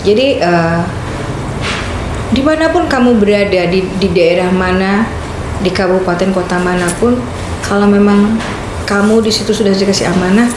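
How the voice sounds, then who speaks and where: A woman in her fifties from Medan, the head of a land office, telling her story as a guest in a casual podcast interview in a lively, proud way. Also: moderate pace, pauses often. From Medan, Indonesia. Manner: animated, with big pitch swings and a proud tone. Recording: echoey room with background noise.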